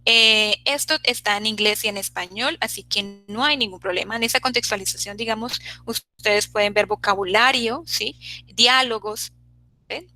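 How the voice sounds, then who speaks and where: A woman's voice: mid-range voice, moderate pace, sharp tone, rough recording. A woman teaching an online English class, checking in constantly with her students as she explains.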